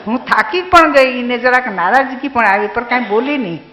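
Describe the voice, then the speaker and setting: An older woman giving a personal reminiscence speech about her husband, with a gently humorous storytelling manner. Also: on the high side, moderate pace, roomy sound, a faint crowd, rough recording. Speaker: speaker's wife giving a tribute.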